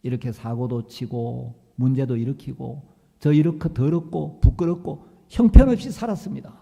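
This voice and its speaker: A man acting out a meek, ashamed young male mission student who speaks low and hushed. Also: normal speed, vocal fry, husky, big-room sound. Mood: meek humble.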